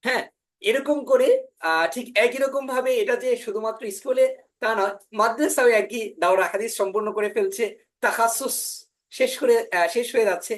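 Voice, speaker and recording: In an online orientation lecture, a Bangladeshi spoken English teacher slowly repeats words to demonstrate their pronunciation. She speaks a little high and frequently pauses with "ah."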